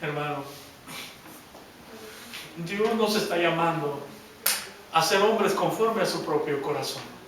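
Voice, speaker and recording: A man's voice: a little high, lively intonation, slow pace, pauses often, far from the mic, background noise. A male pastor preaching a sermon, retelling a story with emphasis and often repeating or restarting words. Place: church hall. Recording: echoey hall, preacher away from mic.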